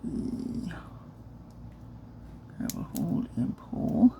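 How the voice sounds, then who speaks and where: A soft-spoken woman narrating a casual crafting vlog, keeping her voice low and muttering to herself as she works with her hands. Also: extremely slow, noisy background. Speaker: crafter making silicone molds.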